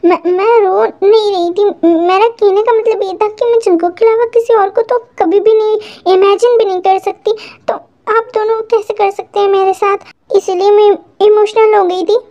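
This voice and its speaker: Brief: woman playing earnest young wife, high voice, pleading and emotional, fan story. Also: steady tone, normal speed, warm tone, muffled recording. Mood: tearful. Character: young wife, devoted and tearful.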